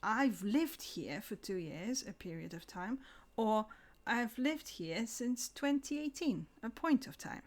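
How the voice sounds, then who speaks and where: A woman's voice: fairly high pitch, expressive. Woman teaching English, carefully enunciated. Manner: slow, careful enunciation of example words. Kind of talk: scripted English lesson.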